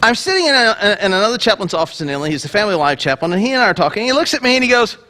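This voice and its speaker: A man's voice: sits high, very animated, rapid-fire, pushed and bright. A middle-aged man preaching a sermon, telling a self-mocking story. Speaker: pastor.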